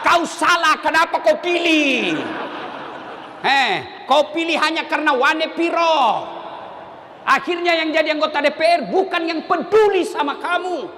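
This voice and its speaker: A man preaching a humorous sermon, animated and shouting questions to the crowd. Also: very high-pitched, measured pace, slight background noise. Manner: animated, shouting call-and-response questions, mimicking voices. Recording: long hall reverb, faint ambience.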